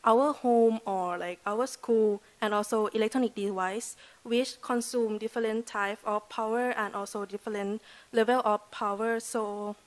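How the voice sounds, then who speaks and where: Young woman, Thai accent, fairly high voice, earnest, filler-heavy, podium mic in a lecture hall. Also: fairly even intonation, measured pace. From Thailand. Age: 20s. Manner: earnest, loose grammar, frequent "like" fillers. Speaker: exchange student presenter. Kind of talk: prepared presentation speech. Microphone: podium microphone.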